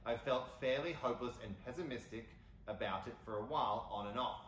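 A man's voice: medium pitch, fairly quick, fairly bright tone, slight background noise. A man with an Australian accent on a live convention panel, reading a listener's question aloud. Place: convention panel stage before an audience. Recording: echoey hall, off-mic, faint ambience.

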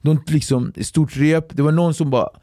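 A man guesting on a podcast, telling a story in a casual, animated way, swearing and acting out what others said. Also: on the high side, no echo, clean studio sound. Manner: animated, swearing, acts out quotes, laughs through the story.

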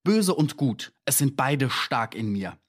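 Man doing a tormented murderer in his 30s, impassioned and self-justifying; middle pitch, audiobook. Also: big pitch swings, slow pace. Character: tormented male murderer, 36 years old, pleading.

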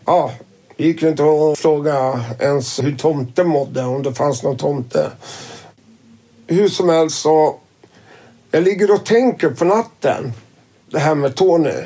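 Man, casual storyteller, fairly high voice, warm mellow tone, swears a lot. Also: long pauses. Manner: swears freely and acts out quoted dialogue. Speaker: interviewee.

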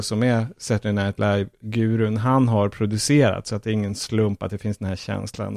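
A man's voice: fairly low pitch, vocal fry, a little mellow, dry recording, studio quality. A man hosting a casual chat and recommending a comedy series, chuckling as he talks. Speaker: podcast host reviewing films and series.

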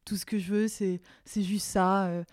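A young woman quoting a dismissive young man, a careless partier, in a blunt, slightly lower, indifferent tone. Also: level tone, moderate pace, darkish tone, no echo, studio quality, lightly acted.

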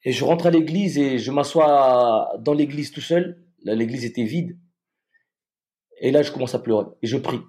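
A man, a soldier, telling a personal story in a halting way, with many repeated restarts. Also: medium pitch, warm tone.

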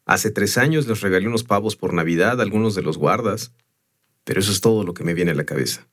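A man's voice: deep voice, fast talker. A man voicing a proud, talkative middle-aged gravestone carver in an audiobook, earnest and matter-of-fact. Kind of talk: audiobook character voice.

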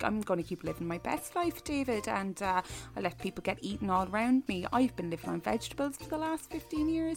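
A woman co-hosting a podcast in casual comic chat, rambling and self-mocking, with some swearing. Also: mid-range voice. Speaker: podcast co-host.

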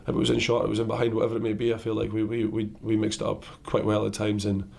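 A man, a caretaker player-manager with a croaky voice, answering post-match questions in a halting way, often repeating words. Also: lowish voice, monotone, darkish tone.

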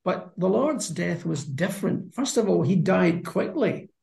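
A man's voice: sits high, sing-song, unhurried, creaky, darkish tone, roomy sound. A man co-hosting a conversational Bible discussion, explaining passages in a thoughtful, earnest way. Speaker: Bible study co-host.

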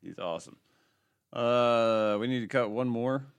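A man's voice: mid-range voice, measured pace, clear, resonant tone, dry recording. A man co-hosting a podcast, chatting casually and joking with friends. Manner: joking, relaxed banter with laughs. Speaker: podcast co-host. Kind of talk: casual chat.

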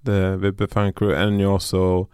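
A man's voice: low voice, completely flat delivery, normal speed, a little mellow, clean tone, dry recording, clean studio sound. A man hosting a casual podcast interview, answering in brief backchannel replies and asking questions. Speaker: podcast host.

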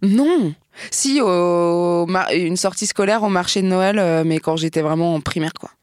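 A woman's voice: lowish voice, a little mellow, smooth, dry recording. Playful woman guest, dry mic. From Troyes, France. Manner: playful, quick to laugh and joke. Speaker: podcast guest, comedian. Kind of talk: casual chat.

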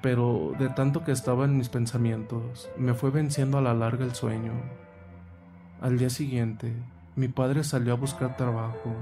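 A man narrating a first-person horror story in a steady, measured way. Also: medium pitch. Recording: music playing under the voice.

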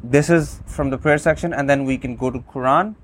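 Reviewing a phone app, a mid-range-voiced man who speaks Urdu as his first language walks through a calm demonstration at a fairly quick pace, often restarting sentences and using lots of fillers.

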